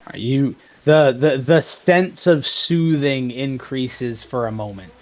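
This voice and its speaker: A man's voice: medium pitch, takes it slowly, darkish tone, low-quality recording. A man narrating a tabletop game as game master, stopping and restarting often as he describes the scene.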